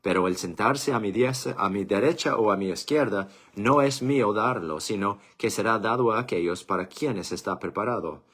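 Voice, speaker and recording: A man voicing a calm male teacher who speaks in measured, solemn phrases. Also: fairly low pitch, husky.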